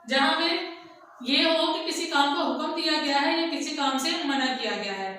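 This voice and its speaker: A woman teacher with a Pakistani Urdu accent, giving an online school lesson and slowly dictating words one at a time. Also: high-pitched, pushed and bright. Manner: slow, dictating word by word. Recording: echoey room, voice from a distance.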